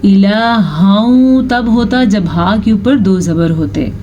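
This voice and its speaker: A woman teaching tajweed, alternating slow drawn-out chanted recitation with brisk spoken explanation. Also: medium pitch, dark tone, muffled recording, a little hiss or hum.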